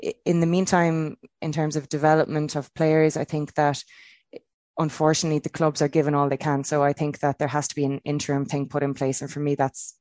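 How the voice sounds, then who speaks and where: A woman's voice: deep voice, flat delivery, fairly quick, darkish tone, dry recording. An Irish woman from Kilkenny giving her views as a guest in a casual interview. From Kilkenny, Ireland. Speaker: football player and pundit guest.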